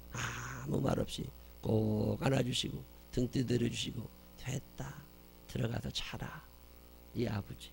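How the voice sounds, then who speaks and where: A man preaching a sermon as pastor, telling stories with loud emphasis and dropping soft for tender quotes. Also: mid-range voice, gravelly, a little hiss or hum.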